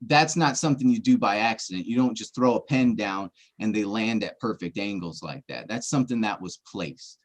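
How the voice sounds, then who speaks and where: His voice is on the low side, his pace moderate, and he barely pauses. As a treasure-hunt searcher on a casual livestream chat, he works through the puzzle clues step by step, with occasional jokes and check-ins with his listener.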